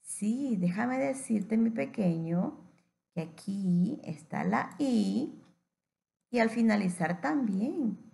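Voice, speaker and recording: A woman teacher giving a patient phonics lesson to young children, stretching words out slowly. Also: on the high side, lively intonation, vocal fry, dark tone.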